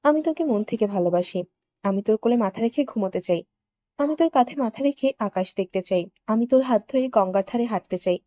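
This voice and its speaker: An intense, lovesick young man pleads through tears, as a woman narrator voices him. His voice sits a little high, recorded dry and close with no room sound. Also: lively intonation, fairly quick, warm tone, no room sound, lightly acted. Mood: earnest. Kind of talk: storytelling narration.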